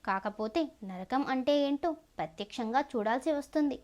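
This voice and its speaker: A woman's voice: sits high, animated, moderate pace, darkish tone. Woman voicing a gloating male villain. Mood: menacing. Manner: taunting, threatening. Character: menacing young male villain, cruel and gloating. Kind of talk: storybook narration.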